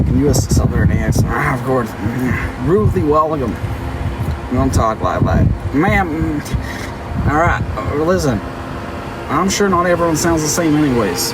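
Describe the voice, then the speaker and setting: A Canadian man chatting playfully with viewers during a livestream. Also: medium pitch. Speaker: livestream host. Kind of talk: casual chat with viewers. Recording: distant mic with street noise.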